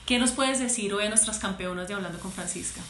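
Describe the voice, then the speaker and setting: A woman's voice: mid-range voice, fast talker, a bit bright, slight background noise. A woman hosting a talk show interview, encouraging and upbeat with her guest and audience. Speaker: host. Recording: echoey room, faint music behind.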